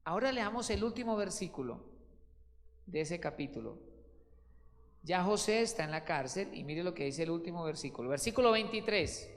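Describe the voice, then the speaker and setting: With a high, slightly bright voice ringing through long reverb, a pastor delivers an emphatic sermon. He addresses his listeners as brothers, and his voice swings widely up and down.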